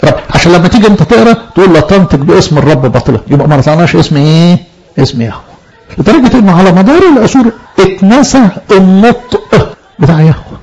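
A man's voice: sits high, lively intonation, fast talker, a little mellow. A man preaching a sermon in an Egyptian Arabic accent. He stresses his points and asks the listeners questions, then answers them himself. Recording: dull lo-fi recording.

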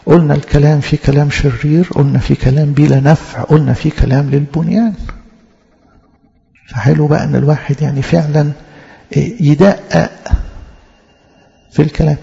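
A man's voice: a little high, steady tone, a little fast, gravelly, pauses often, warm tone. A man with an Egyptian Arabic accent preaching a Bible-study sermon, explaining emphatically and asking rhetorical questions. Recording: lo-fi echoey hall.

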